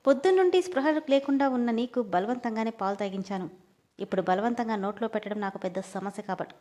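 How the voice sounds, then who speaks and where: A woman reading the lines of a calm, stern young husband in a storybook, lowering her voice and speaking firmly and steadily. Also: fast, lightly acted.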